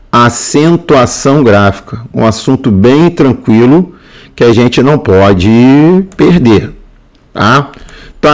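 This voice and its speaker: A male teacher with a Brazilian Portuguese accent, going through exam answers step by step and repeating key points. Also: medium pitch. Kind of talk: exam answer walkthrough lesson.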